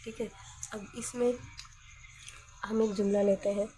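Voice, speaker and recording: A female teacher with a soft, mellow voice at a middle pitch for a woman guides students step by step through a grammar lesson. Her delivery is flat and unhurried, and at a patient pace she poses questions, then answers them herself.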